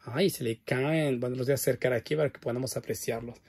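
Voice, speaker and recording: A man's voice: mid-range voice, fairly even intonation, quick pace, darkish tone, husky. A man chatting to viewers as he shows off his doll collection, full of exclamations. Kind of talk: casual unboxing and show-and-tell.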